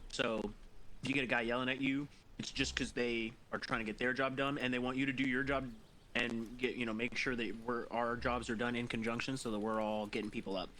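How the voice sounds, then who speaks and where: A man's voice: medium pitch, level tone, a little fast, bright, forceful tone, slight background noise. A man training medics in a game group over voice chat, rambling, swearing and correcting himself, tired and eating while he talks. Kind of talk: casual voice chat instruction.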